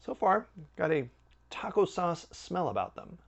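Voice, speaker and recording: A man hosting a snack review, chatting casually with animated, swooping emphasis. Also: sits high, a little slow, gravelly. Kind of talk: casual food review chat.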